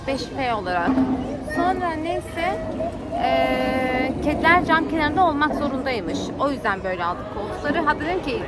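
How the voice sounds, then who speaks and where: High-voiced woman vlogging at a loud airport. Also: very noisy. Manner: chatty, complaining, exasperated. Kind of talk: casual travel vlog to camera. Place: airport, indoors with crowds.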